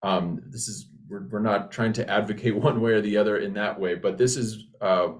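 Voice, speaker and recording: A man with a fairly low voice explains things as a voice teacher. His delivery is conversational and reassuring, with hesitant restarts as he works toward each point. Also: fairly even intonation, normal speed. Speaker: voice teacher, co-presenter.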